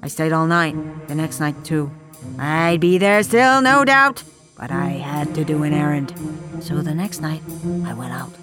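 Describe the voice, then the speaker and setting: A woman reading a rhyming children's story aloud, shifting from hushed lines to shrieking ones. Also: deep voice, sing-song, a little slow. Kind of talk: dramatic storybook read-aloud. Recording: music playing behind the voice.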